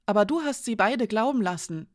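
A woman's voice: on the high side, animated, brisk, pitched above the performer's own voice, lightly acted. A woman reading an audiobook, voicing a young woman full of guilt who pleads through tears. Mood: accusing. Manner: pleading, emotional.

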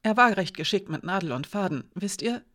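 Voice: mid-range voice, lively intonation, a little fast, a bit bright, lightly acted. A reader voicing a stammering, frightened manservant. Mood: rambling. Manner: stammering, rambling. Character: nervous male servant, stammering and pleading. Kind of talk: audiobook character voice.

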